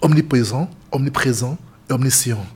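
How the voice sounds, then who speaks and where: Husky and darkish, his mid-range voice moves at a moderate pace. He's a pastor and seamen's chaplain from Cameroon, an earnest interview guest who repeats himself and keeps stumbling and starting his sentences over.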